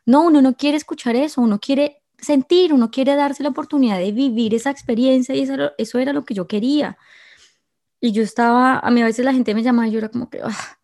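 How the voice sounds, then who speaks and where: A woman's voice: sits high, quick pace, dark tone. A woman telling her viewers a personal story in an emotional, confiding way, often restarting her sentences.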